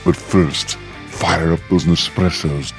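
A man voicing a menacing, grandiose dark lord in a theatrical, macabre podcast intro. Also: deep voice, fairly even intonation, gravelly, full character voice. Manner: ominous, grandiose, drawn-out delivery. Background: plucked guitar music.

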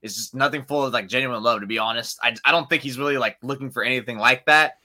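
A man's voice: mid-range voice, pushed and bright. A man in his late twenties co-hosting a casual sports talk show, loose and chatty with lots of filler words. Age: 20s. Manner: fast, loose, lots of "like" and laughter. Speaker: podcast co-host.

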